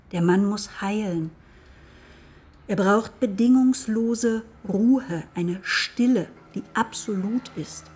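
A woman's voice: mid-range voice, darkish tone, slightly rough. An actress playing a daughter who narrates her story in a dry, sardonic, emphatic way, in literary radio-play narration.

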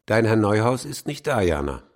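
A man's voice: fairly low pitch, big pitch swings, normal speed. A man playing a sceptical, belittling critic from schooldays in a radio drama, needling in a familiar tone.

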